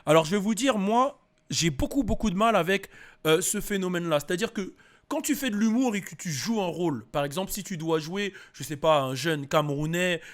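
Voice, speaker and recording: High-voiced French Antillean man musing. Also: expressive, a little fast. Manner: thoughtful, many fillers and restarts. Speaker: host. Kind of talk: casual commentary monologue. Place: United States.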